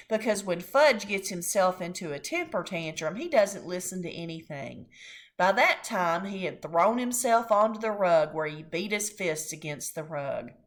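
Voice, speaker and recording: A woman reads a children's chapter book aloud in an expressive, storytelling way. Her voice sits fairly low and moves lively up and down. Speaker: teacher reading aloud.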